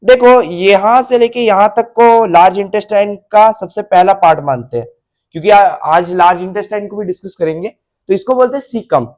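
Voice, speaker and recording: A man's voice: high voice, moderate pace, a little mellow. A male biology teacher lecturing at a board, mixing Hindi and English, repeating key terms and checking that students follow.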